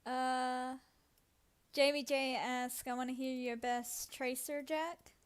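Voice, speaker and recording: A woman's voice: sits high, flat delivery, slow, clear, resonant tone. A woman co-hosting a livestream, chatting casually with a playful, teasing, giggly manner. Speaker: co-host.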